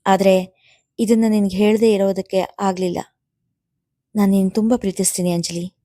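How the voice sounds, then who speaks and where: Woman doing a soft young guy in love, slow and tender, dry close sound. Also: medium pitch, steady tone, no echo, lightly acted. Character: young man, tender gentle lover.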